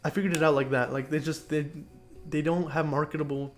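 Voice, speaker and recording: A man's voice: on the high side, steady tone, fairly quick, soft background music. A young man co-hosting a casual podcast, rambling with lots of fillers and restarts. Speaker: podcast co-host and YouTuber. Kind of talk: casual chat.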